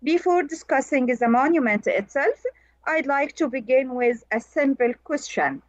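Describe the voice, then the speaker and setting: A woman from Egypt, presenting over a video call and reading a prepared conference paper slowly and carefully. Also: high-pitched, no echo. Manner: slow, careful, measured delivery. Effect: heard over a video call. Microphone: remote computer mic on a video call. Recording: dull, dry video call audio.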